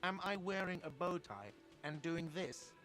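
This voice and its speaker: A man's voice: a little high, animated, fairly quick, fairly bright tone, soft background music. Man doing a snippy sarcastic cafe manager. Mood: irritated. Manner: irritated, sarcastic, nagging about money. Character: grumpy sarcastic male cafeteria manager.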